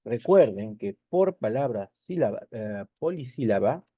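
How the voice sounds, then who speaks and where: A man's voice: mid-range voice, very animated, a little slow, no echo, narrow, tinny audio. A male teacher explaining a lesson over slides, repeating key points and checking in with short tag questions.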